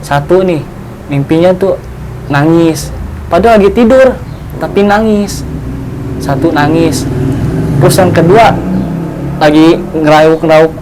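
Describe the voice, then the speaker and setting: A man telling his own ghost experience in a casual, animated chat, acting out his friends' voices. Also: a little high, unhurried, pauses often, background noise.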